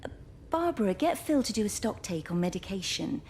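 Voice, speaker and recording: A woman's voice: mid-range voice, sing-song, fairly quick, darkish tone, slight background noise. An actress playing a practical, decisive village woman taking charge in a video game drama. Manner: businesslike, decisive.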